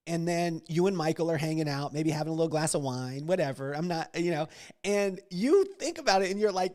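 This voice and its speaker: A man's voice: a little high, darkish tone. Man hosting a loose, chatty interview. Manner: loose, storytelling, restarts his questions. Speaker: podcast host. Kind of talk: casual interview chat.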